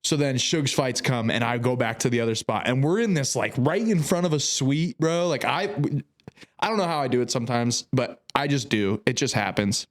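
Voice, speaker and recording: A young man telling a long story in casual podcast chat, animated and swearing, jumping way up in pitch when he quotes people. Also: normal speed. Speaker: podcast guest.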